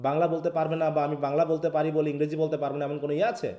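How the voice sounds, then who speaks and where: A man's voice: a little high, flat delivery, racing, echoey room, dull audio, crowd noise. A man with a Bangladeshi accent teaching a live linguistics class, explaining step by step and often asking his students questions. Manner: explains step by step, mixing English terms, asks students questions. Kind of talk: live online class lecture.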